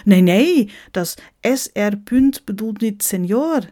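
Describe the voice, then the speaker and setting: A woman's voice: expressive, measured pace, mellow, close to an everyday voice. A woman voicing an old bearded Sinterklaas with a Dutch accent in a storybook reading, breezy and teasing. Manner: breezy, teasing, high and lilting.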